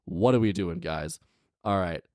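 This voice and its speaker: He has a deep, darkish, expressive voice and speaks a little slowly as he hosts a story podcast, reading a fairy tale and riffing on it. The commentary is casual and funny, wry and incredulous, slangy with emphatic repeats, recorded dry in studio quality.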